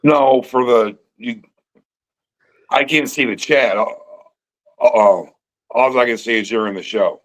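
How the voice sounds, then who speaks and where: An easygoing man in his fifties with a mid-pitched voice, hosting a livestream chat. He speaks in a casual, reassuring way over a video call. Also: a little slow, pauses often. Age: 50s. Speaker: livestream host.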